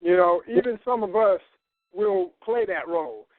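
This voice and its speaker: High-pitched guy making his point hard on a talk show, thin phone line sound. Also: normal speed, no room sound. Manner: emphatic, keeps asking "you know what I'm saying". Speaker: guest on a radio talk show. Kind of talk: casual panel discussion. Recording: tinny phone line, dry.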